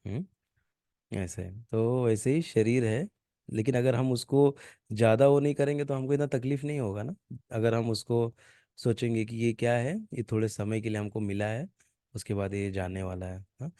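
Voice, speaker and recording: A man leading an online Gita reading class, who explains in a casual way and often ends his sentences with little tags and hums, then chants the verses slowly and carefully. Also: medium pitch, steady tone, warm tone, no room sound, clean studio sound. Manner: fillers like "na" and "hmm" at the ends of sentences. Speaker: reading group leader. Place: home video call. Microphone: video call mic.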